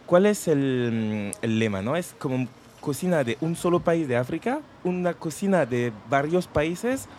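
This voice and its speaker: A man's voice: on the high side, animated, measured pace, few pauses, darkish tone, a little hiss or hum. A man hosting a casual interview, asking questions with frequent stumbling restarts. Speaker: host.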